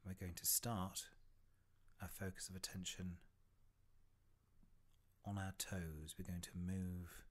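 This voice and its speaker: Speaking low and with a level tone, a man takes listeners through a body scan meditation. His delivery is gentle and slow, with long silences between brief phrases and breathy, soft endings.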